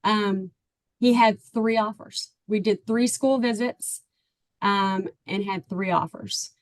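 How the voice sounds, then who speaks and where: Taking it slowly in a mid-range voice, a middle-aged Texan woman shares her story as an interview guest, chatty and earnest, full of ums and "right?". She's the parent of a baseball player and a client guest, recorded with no room sound.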